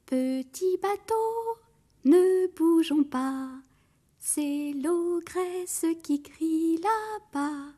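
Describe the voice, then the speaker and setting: A woman voicing a clever little fisher boy in a storybook, singing gentle lullaby-like refrains to his boat. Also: very high-pitched, lively intonation, measured pace, faint music behind, pitched above the performer's own voice. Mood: singsong. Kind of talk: storybook character voice.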